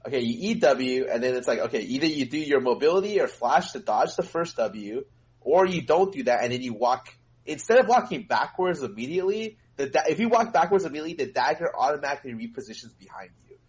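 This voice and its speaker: A man co-hosting a casual gaming podcast at a middle pitch. He explains game mechanics at length, animated and full of filler words. His talk is loose and conversational. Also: quick pace, dull audio. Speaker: co-host and streamer.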